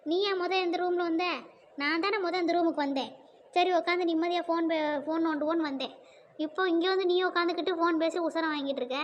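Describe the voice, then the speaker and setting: A woman voicing a defiant, sharp-tongued younger sister in a cartoon. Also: very high voice, dull audio, slight background noise. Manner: mocking, defiant. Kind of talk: cartoon voice acting.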